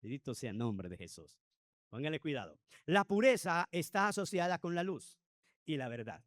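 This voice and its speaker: High-voiced emphatic preaching man. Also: big pitch swings, normal speed, a bit bright, dry recording, studio quality. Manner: emphatic preaching, rhetorical questions to the congregation. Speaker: pastor. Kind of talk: Sunday school sermon.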